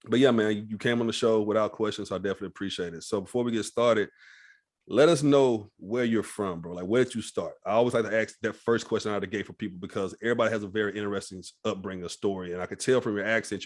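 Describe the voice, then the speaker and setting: A man's voice: on the low side, fairly even intonation, rapid-fire. A man hosting a podcast interview, laid-back and casual, often tagging "all right?" and swearing freely. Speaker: podcast host.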